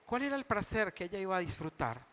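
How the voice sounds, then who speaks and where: High-voiced man preaching a sermon. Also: sing-song, quick pace, fairly bright tone. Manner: conversational preaching, asking the congregation questions. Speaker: pastor.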